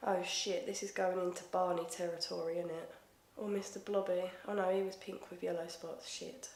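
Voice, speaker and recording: A woman's voice: lowish voice, level tone, normal speed, a little mellow. A woman in her twenties with an Essex accent, chatting casually and swearing freely through a makeup tutorial. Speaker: makeup vlogger. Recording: echoey room.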